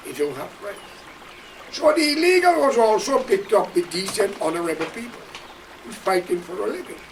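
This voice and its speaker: A man's voice: high voice, a bit bright, distant mic, slight background noise, poor audio. A man from Guyana with a Guyanese accent, delivering an impassioned, preachy political monologue straight to his listeners. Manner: preachy, emphatic, addresses listeners directly. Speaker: political commentator.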